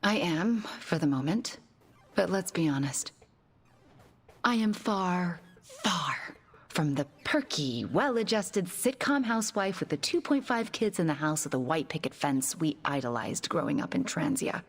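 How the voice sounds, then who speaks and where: A woman's voice: lowish voice, sing-song, a little slow, slightly rough, exaggerated voice. An actress playing a sardonic, self-doubting witch in a video game. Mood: wry. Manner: sardonic, blunt. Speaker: game character. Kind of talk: video game cutscene acting.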